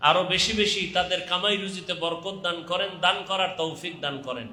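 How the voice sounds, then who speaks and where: High, sharp-voiced Bangladeshi man making appeals, echoing. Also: fairly quick, slight background noise. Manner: urging, repetitive calls to the crowd. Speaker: preacher leading a donation appeal. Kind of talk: live religious fundraising appeal, calling out donations with short blessings. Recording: echoing public-address sound.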